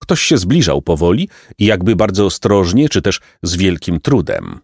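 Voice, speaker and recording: A male narrator reads a children's tale with an animated, melodic delivery. The sound is dry and close, with no room around it. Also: deep voice, normal speed, no echo. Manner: expressive storytelling. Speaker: audiobook narrator. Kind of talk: scripted narration of a children's book.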